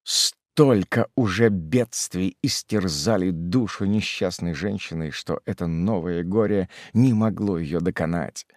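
Slow gravelly male audiobook narrator. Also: low-pitched, a little mellow, no echo, clean studio sound. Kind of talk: scripted narration of a classic novel.

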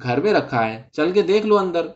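A man's voice: a little high, lively intonation, voice pushed up, close to an everyday voice. A man reading as a curt, bossy boy. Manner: curt, scolding. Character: older boy, curt and bossy with his brother. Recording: dull lo-fi recording.

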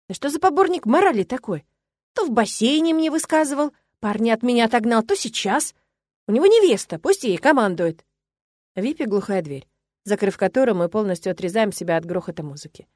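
A woman narrating a novel in the first person, lively and emotional, as if voicing her own inner thoughts. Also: a little high, no echo, studio quality. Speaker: audiobook narrator.

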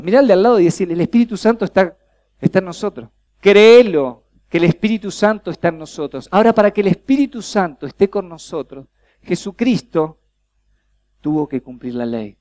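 A man with a Rioplatense Spanish accent preaching a workshop at a church youth congress, lively, quizzing the crowd and acting out little dialogues. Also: high-pitched.

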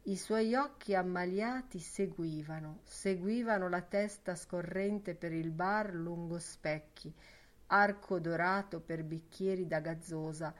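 A woman narrating a literary audiobook in a measured, lyrical way. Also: on the low side. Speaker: audiobook reader.

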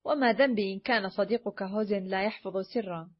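A woman's voice: medium pitch, fast talker, natural voice. A woman reading the lines of a sly, cunning male adventurer in a storybook reading, on a dull lo-fi recording. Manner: sly, pressing.

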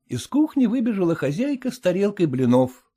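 A man narrating a classic comic story in a measured storytelling voice. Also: sits high, sing-song, warm tone, husky.

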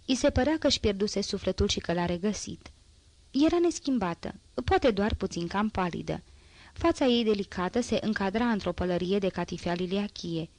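A woman reads a classic novel aloud at a steady, even pace. Her pitch sits in a middle range. The recording is dry and close, with no room echo. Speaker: audiobook narrator. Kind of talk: scripted novel narration.

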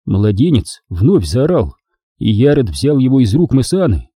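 A man narrating an audiobook in an even storytelling manner. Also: mid-range voice, measured pace, husky, dry recording, clean studio sound.

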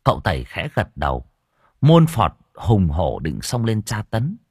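Deep, husky male horror storyteller. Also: measured pace, dry recording, clean studio sound. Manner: expressive, dramatic storytelling. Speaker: audiobook narrator. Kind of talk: audio horror story narration.

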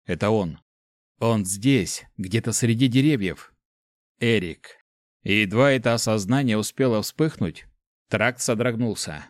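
A man reading a fantasy novel aloud in steady, measured scripted narration. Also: on the low side, no echo, studio quality. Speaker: audiobook narrator.

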